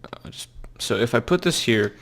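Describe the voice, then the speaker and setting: A young man casually walking through a software tutorial, loose and halting with lots of fillers and restarts. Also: medium pitch, expressive. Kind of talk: casual screen-recorded tutorial.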